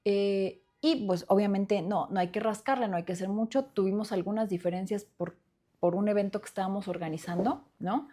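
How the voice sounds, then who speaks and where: Earnest mom with a mellow voice. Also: female voice, mid-range voice, steady tone, fairly quick. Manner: earnest, reflective, with many fillers and restarts. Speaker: podcast host. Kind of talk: solo podcast talk. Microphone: studio microphone.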